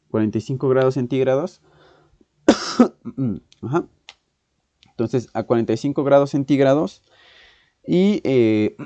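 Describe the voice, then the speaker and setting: Hesitant Mexican physics teacher, dry muffled sound. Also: male voice, mid-range voice, mellow, no echo. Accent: Mexican Spanish. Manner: thinks aloud, halting, self-correcting, frequent "¿ok?" and throat clearing. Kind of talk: exam-prep lesson working through problems.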